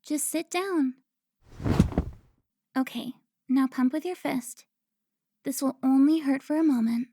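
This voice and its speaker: In a cinematic audio roleplay, a woman with a high, mellow voice plays a centuries-old vampire who looks twenty. She is coy and needling, teasing in a playful, pouty, drawn-out way. There is no room sound.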